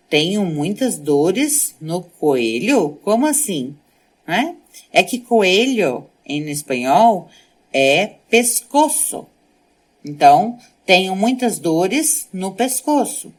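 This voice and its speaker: A woman teaching a Spanish lesson, speaking Portuguese as her first language, who reads sentences aloud and then translates and explains them. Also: medium pitch.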